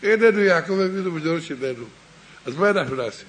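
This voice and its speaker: Fervent, animated male preacher. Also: a little high. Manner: animated storyteller, swings between hushed and raised delivery; addresses listeners directly and fervently. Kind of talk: Torah sermon with a told parable.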